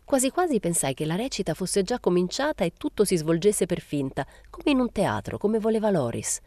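A woman reading a novel aloud in a measured, plain literary way. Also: mid-range voice, sing-song, dark tone, dry recording. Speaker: reader.

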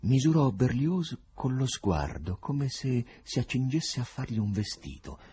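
A man reading a novel aloud as an audiobook narrator, expressive and measured. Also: mid-range voice, slightly rough. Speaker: audiobook reader.

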